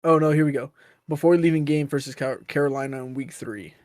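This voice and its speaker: A man with a fairly high voice co-hosts a casual sports podcast. He rambles through loose explanations and keeps correcting himself. The sound is close and dry, with no room around it. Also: steady tone, a little fast, darkish tone, no room sound. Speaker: podcast co-host.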